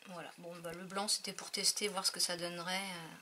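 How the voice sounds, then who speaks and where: A woman's voice: on the low side, level tone, a little fast, bright, forceful tone, slight background noise. A woman vlogger chatting casually through a craft haul, hesitant with many fillers and fumbling English product names. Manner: hesitant, many fillers, thinking aloud while testing. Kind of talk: casual haul video, showing craft inks.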